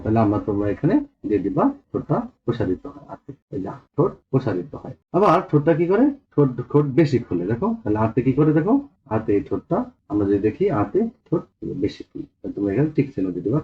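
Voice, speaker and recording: A male teacher with a Bangladeshi accent walks students through a textbook lesson at a quick clip. He explains step by step and keeps prompting them to look. The recording is dull and lo-fi. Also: on the low side, slight background noise. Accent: Bangladeshi Bengali.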